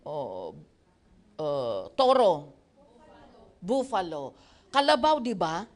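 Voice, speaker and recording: A woman pastor with a Filipino accent preaching a sermon. She tells a Bible story in a lively way, laughs often, and acts out the voices of its people. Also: medium pitch, extremely slow.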